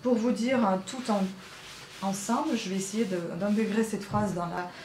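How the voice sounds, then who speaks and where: A woman teaching a casual spoken lesson, slowly repeating each word with care while she writes on a small slate. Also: mid-range voice, a little mellow, a little hiss or hum. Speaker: Russian language teacher. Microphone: writes on a small slate while talking. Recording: echoey room, faint ambience.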